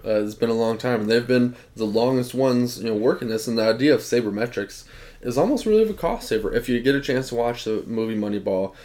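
A young man co-hosting a casual sports podcast, talking in a relaxed, rambling way and laughing often. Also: medium pitch, fast. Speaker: podcast co-host.

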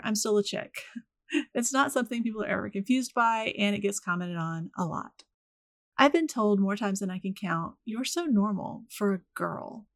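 Southern woman, soft voice, dry and direct podcast host, close dry mic. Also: medium pitch, dry recording. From rural northern Florida, US. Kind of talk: scripted solo podcast monologue.

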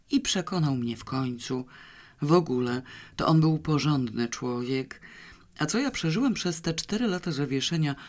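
A reader voicing a nervous, rambling country man who confesses in a folksy way. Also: mid-range voice. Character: nervous male small-time poacher confessing.

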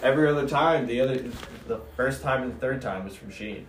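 A young guy talks like a frat bro in casual, sweary slang. His voice sits at a middling male pitch. He sounds a bit away from the mic in an echoey room. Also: a little fast, distant mic, slight background noise. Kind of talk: casual chat.

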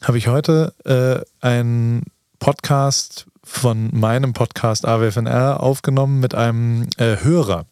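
A man's voice: medium pitch, fairly even intonation, measured pace, darkish tone, clean tone, no room sound, clean studio sound. A man in his forties co-hosting a podcast in casual, joking chat, rambling along playfully. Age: 40s. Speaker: podcast co-host. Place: podcast studio in a restaurant. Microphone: studio podcast mic.

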